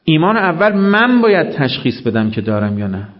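A man giving a religious sermon, telling stories and acting out the dialogue in lively voices. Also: on the high side, muffled recording. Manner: animated storytelling, acting out dialogue. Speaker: preacher.

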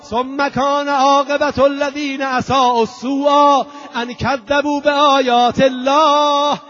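Man doing a defiant captive noblewoman, slow, raised declaiming, high voice, dull lo-fi sound. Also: level tone, fairly bright tone.

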